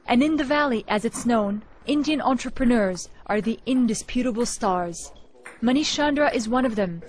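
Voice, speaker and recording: A woman reporter reading a scripted news narration in a measured, clear delivery. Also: a little high, animated, slight background noise.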